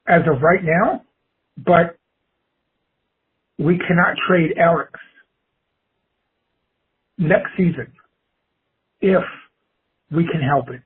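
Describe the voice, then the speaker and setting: A man leaving a voicemail played over a phone line, giving his opinion as a caller in a measured, halting way with pauses between phrases. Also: a little high, husky.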